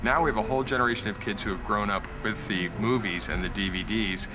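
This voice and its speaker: Male interviewee, lowish pitch, explanatory delivery over a music bed. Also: steady tone, quick pace. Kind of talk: documentary interview.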